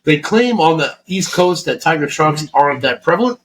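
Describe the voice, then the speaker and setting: A man from Florida talks in loose, meandering casual chat as a podcast co-host, peppering every thought with swearing and false starts. His voice sits a little higher than most men's. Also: lively intonation, normal speed, slight background noise, low-quality recording. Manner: rambling and heavily profane, with many restarts.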